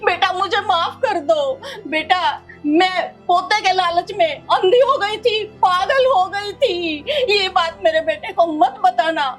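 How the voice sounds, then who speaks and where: A woman's voice: fairly high pitch, normal speed, warm tone, lightly acted. Woman playing a scheming, begging mother-in-law. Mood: pleading, tearful. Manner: pleading, repeats "beta" while crying. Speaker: actor in a family drama short. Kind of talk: melodramatic short-film acting.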